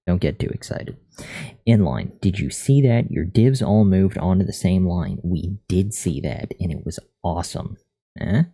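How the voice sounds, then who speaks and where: A man's voice: low voice, normal speed, dark tone, husky. A man streaming live while learning to code, reading lesson text aloud and adding joking asides. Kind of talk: casual live-stream commentary.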